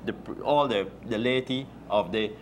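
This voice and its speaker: A man, chatting as a guest at a breakfast table and often pausing and restarting his sentences. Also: mid-range voice, a little hiss or hum. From Guyana. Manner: halting, many restarts and fillers. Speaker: deacon guest. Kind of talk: casual chat. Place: small room with table, indoors. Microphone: lapel.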